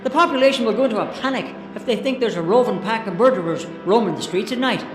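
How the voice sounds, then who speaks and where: An actor playing a weary, gruffly sardonic Victorian police inspector, blunt and colloquial in film dialogue. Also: male voice, high-pitched, lively intonation, quick pace. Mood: alarmed, stern. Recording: reverberant hall sound with faint music.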